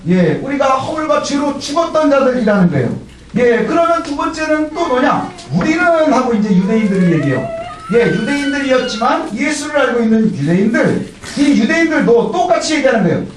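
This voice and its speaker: A man's voice: very high-pitched, big pitch swings, a little fast, heavy reverb, far from the mic, slight background noise. A man preaching a Sunday sermon as pastor. He talks in a conversational way, asks questions and answers them himself, and often drops a short "yes" between phrases. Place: church sanctuary.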